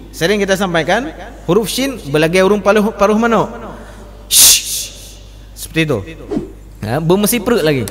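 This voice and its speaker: Male recitation teacher, high animated voice, long hall reverb. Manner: addresses class as Pak, demonstrates letter sounds repeatedly. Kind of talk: mosque study class. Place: mosque hall.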